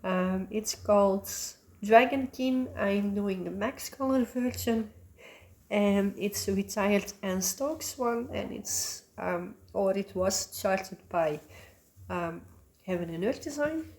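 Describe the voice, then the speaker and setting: A woman who vlogs about cross-stitch speaks slowly at a medium pitch, rambling through a casual show-and-tell. She fills her talk with lots of ums and soft little asides.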